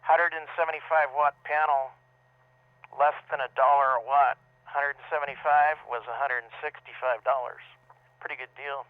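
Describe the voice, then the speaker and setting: A man's voice: mid-range voice, fairly even intonation, moderate pace, no echo. A middle-aged man casually narrating a slideshow of his desert trip for a radio club, rambling along with many "uh" fillers. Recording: dull lo-fi dry audio.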